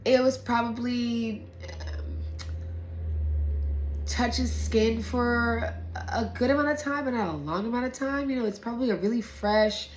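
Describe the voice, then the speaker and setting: Slow-paced woman sommelier, playful and slangy. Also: a little high. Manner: playful, slangy, sweary, animated asides. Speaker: sommelier presenting a blind wine tasting. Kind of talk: casual explanatory chat to camera. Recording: roomy echo, faint background noise.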